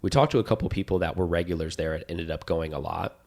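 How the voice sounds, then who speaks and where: Deep-voiced enthusiastic man chatting. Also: fast, gravelly. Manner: enthusiastic, rambling, animated storytelling. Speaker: podcast co-host. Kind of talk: casual chat.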